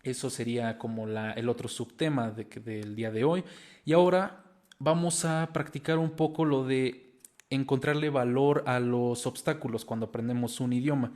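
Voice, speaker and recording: A man's voice: medium pitch, steady tone, normal speed, darkish tone. A man in his twenties with a Mexican Spanish accent, hosting a language-learning video and speaking straight to his viewers in an earnest, encouraging way. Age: 20s. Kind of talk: motivational talk to camera.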